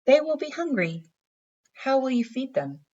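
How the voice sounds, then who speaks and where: A woman's voice: sits high, sing-song, measured pace, dull audio, noisy background, voice pushed up. Woman reading as a practical, questioning storybook mother. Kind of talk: bedtime story read aloud.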